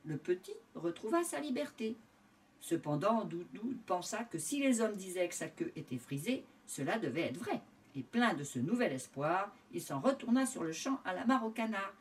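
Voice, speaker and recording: A woman reading a storybook aloud to young children, expressive and sing-song. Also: mid-range voice, moderate pace, recorded from a distance.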